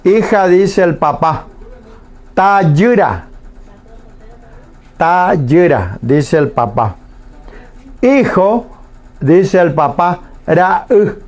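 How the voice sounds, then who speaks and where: A man teaching a language lesson on the radio, saying each word slowly and repeating it patiently so listeners can copy. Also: high-pitched, very animated, a little mellow. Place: radio studio.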